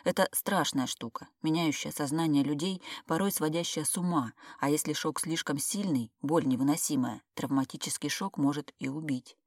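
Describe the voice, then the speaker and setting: A woman's voice: deep voice, moderate pace, few pauses, no echo, studio quality. Woman reading a first-person story. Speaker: audiobook reader. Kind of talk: first-person novel narration.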